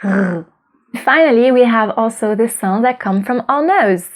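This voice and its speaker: Lady teaching pronunciation, bit high voice, upbeat and clear. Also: animated. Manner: upbeat, demonstrates sounds slowly and clearly. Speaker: French teacher. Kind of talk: pronunciation lesson to camera.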